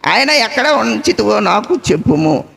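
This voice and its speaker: Preacher woman reads a tearful grieving woman, pleading, gravelly. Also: fairly high pitch, big pitch swings, normal speed, fairly bright tone, big-room sound, full character voice. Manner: pleading, respectful.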